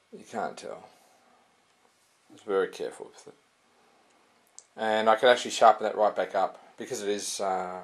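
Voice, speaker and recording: Casual man reviewing swords. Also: low voice. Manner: rambling and hesitant, many "uh" fillers and restarts.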